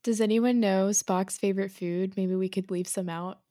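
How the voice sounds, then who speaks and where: A woman co-hosting a comedy trivia podcast, wry and quick to laugh. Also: mid-range voice, fairly even intonation, mellow, no room sound, studio quality. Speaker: podcast co-host. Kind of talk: playful comedic banter.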